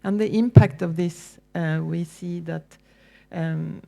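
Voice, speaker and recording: A university lecturer from Norway, speaking with a Norwegian accent, gives a relaxed, conversational public lecture full of ums and restarts. Her voice is on the low side, slow, and creaky.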